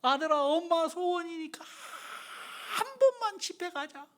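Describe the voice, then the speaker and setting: A man's voice: huge pitch swings, moderate pace, full character voice. A man voicing a mother who tearfully begs her grown son to come along with her. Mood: pleading. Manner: high tearful pleading.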